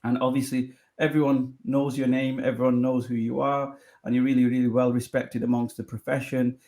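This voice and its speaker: A man hosting a podcast interview, asking questions in a halting way that repeats words as he begins. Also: medium pitch, little pitch movement, darkish tone. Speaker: podcast host.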